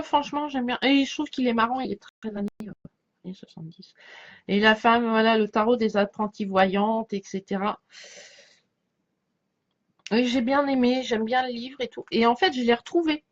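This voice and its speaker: Higher-voiced woman with a slight lisp. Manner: halting, circling back, trailing off mid-thought. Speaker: tarot card reader giving a reading to followers. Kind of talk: casual rambling chat over a tarot spread. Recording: dull lo-fi sound.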